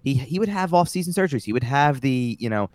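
A man's voice: mid-range voice, expressive, fast talker, dry recording. A man co-hosting a casual sports podcast, often restarting and repeating words as he makes his point. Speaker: podcast co-host.

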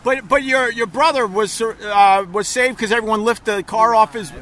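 Brash American man, high bright voice. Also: fairly even intonation, normal speed. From United States. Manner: brash, exclamatory. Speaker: podcast host. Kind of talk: casual livestream chat. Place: inside a parked car on a city street. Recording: faint street and traffic noise.

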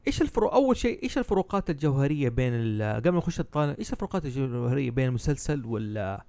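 A man hosts a casual chat in Hejazi Saudi Arabic, dropping in English words. He talks fast with a gravelly, creaky edge, recorded dry and close. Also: mid-range voice, very animated, mellow, no room sound. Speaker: host steering the conversation.

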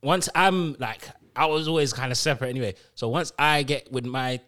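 A man's voice: mid-range voice, a little fast, fairly bright tone. A young man with a London roadman accent, reminiscing in casual group chat with heavy street slang and frequent repetition.

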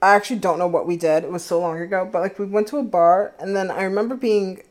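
A woman's voice: mid-range voice, quick pace. Young woman gossiping on her podcast, giggles a lot, says like constantly. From Philadelphia area. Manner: chatty, giggly, lots of "like", gossipy. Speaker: podcast host. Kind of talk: casual solo podcast storytelling.

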